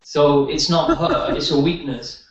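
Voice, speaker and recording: A man's voice: a little high, level tone, a little slow. A man who works as a healer, chatting in an interview, telling anecdotes with hesitant restarts, recorded as a distant, echoey, slightly dull sound. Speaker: energy healer guest. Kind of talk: casual interview chat.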